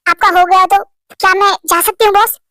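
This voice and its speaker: A woman's voice: very high-pitched, fairly even intonation, brisk, bright, forceful tone, no echo, clean studio sound. A woman voicing a shy, flustered young woman employee who stammers. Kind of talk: Hindi fan-story voice acting.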